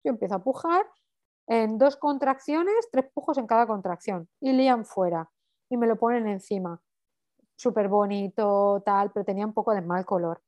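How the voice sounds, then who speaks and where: A woman in her thirties with a Spanish accent from Spain, casually telling a personal story and acting out the dialogue with a lively, blunt manner. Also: medium pitch, moderate pace, no room sound.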